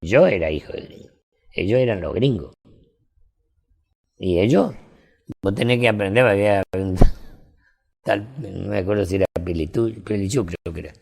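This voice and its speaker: An older man with an Argentine accent, telling folksy anecdotes in a relaxed interview chat. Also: lowish voice, normal speed, vocal fry, pauses often, husky. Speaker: storyteller.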